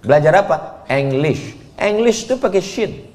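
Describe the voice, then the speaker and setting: Joking preacher with a lilt, echoey hall. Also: male voice, high-pitched, normal speed. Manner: lively, joking, asks the crowd questions and chants verses. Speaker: Islamic preacher. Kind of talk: humorous sermon to a women's audience.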